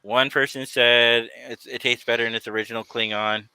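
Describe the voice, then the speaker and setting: Casual male co-host, rambling and giggly, bright tone, dry close mic. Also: medium pitch, fairly even intonation, moderate pace, smooth, dry recording, poor audio. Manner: rambling, laughs often. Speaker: podcast co-host. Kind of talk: casual chat.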